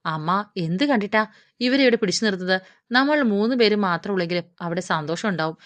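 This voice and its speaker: A sharp-tongued teenage sister fires back quick, indignant retorts, read by a woman narrator. Her voice is dry and close. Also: medium pitch, expressive, dry recording, lightly acted.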